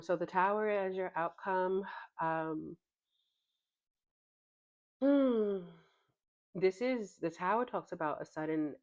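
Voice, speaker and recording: A woman with a notably low voice talks through a tarot spread in a relaxed, unhurried way, pausing often with ums as she thinks aloud. The recording sounds a little dull and lo-fi. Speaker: tarot reader. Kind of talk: casual tarot reading to camera.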